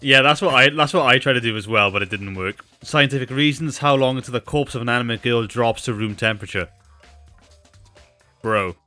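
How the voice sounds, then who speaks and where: A man's voice: mid-range voice, brisk, pushed and bright, soft background music. A man streaming a video game, joking with a co-player and laughing often. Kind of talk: casual gaming stream commentary.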